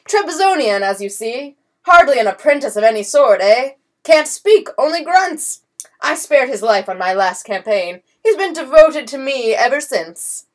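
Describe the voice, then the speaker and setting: A woman's voice: high voice, sing-song, moderate pace, pitched above the performer's own voice. A woman reading a storybook voices a blustering, pompous swindler count who barks commands. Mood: commanding. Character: blustering swindler count, grown man, bold. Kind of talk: audiobook character voice.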